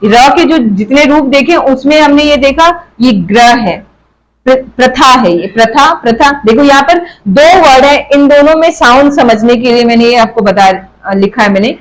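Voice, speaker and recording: A young woman teaching a grammar lesson to schoolchildren, patiently explaining step by step and repeating words slowly. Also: high-pitched, low-quality recording. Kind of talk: Hindi grammar lesson for children.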